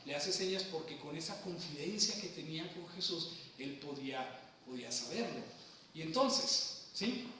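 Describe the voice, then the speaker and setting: A man's voice: on the high side, lively intonation, normal speed, bright, forceful tone, slight background noise. Echoey man preaching from far off. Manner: teaching, asking the congregation questions, retelling scripture. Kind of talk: sermon.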